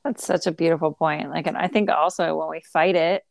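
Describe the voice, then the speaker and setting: A woman co-hosting a podcast in casual chat, enthusiastic and quick to laugh. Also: sits low, steady tone, creaky, dry recording, clean studio sound. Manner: warm, enthusiastic, laughs easily. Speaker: podcast co-host.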